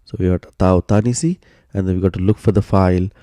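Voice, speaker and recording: A man explaining grammar step by step in a recorded lesson, patient and steady, often starting sentences with "so" and pausing on "uh.". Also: deep voice, no room sound, studio quality. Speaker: Arabic grammar teacher.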